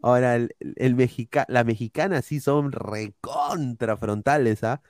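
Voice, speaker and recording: Guy hosting a podcast, warm low-key voice, dry close mic, rambly. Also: unhurried, no echo. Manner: rambling, many fillers, tag questions. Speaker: podcast host. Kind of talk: casual podcast chat.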